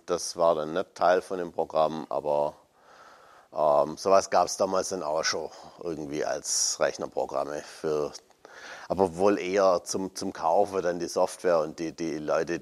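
A man in his fifties in a casual, rambling chat about old computers, hesitant and full of fillers. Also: a bass voice.

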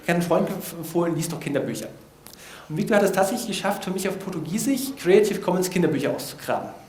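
A man's voice: high-pitched, animated, quick pace, a little mellow. Man explaining words in an echoey room. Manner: loose, thinking aloud with frequent hesitations. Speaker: language learner presenting vocabulary notes. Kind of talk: informal explaining of vocabulary.

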